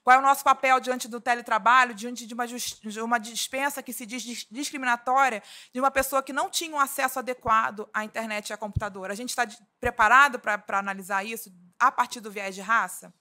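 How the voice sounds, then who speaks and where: Woman, Rio accent, judge at a seminar, earnest, restarts often, bright tone. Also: on the high side, fairly even intonation, quick pace, hardly any pauses. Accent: Rio de Janeiro Portuguese. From Rio de Janeiro, Brazil. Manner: earnest, with frequent restarts and fillers. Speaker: labor judge giving a talk. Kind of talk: seminar talk. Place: conference hall.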